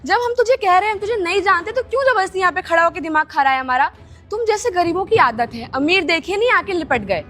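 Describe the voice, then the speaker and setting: A woman's voice: very high voice, lively intonation, fast talker, fairly bright tone. A woman playing a spoiled rich younger sister who sneers rudely at a poor man in an amateur skit. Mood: sneering. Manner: sneering, rude.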